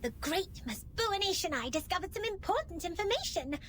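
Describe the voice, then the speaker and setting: A woman's voice: extremely high pitch, big pitch swings, fairly quick. A woman voicing a prim, indignant young girl official in a game, fussy and self-important, with game music underneath. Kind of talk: game voice acting.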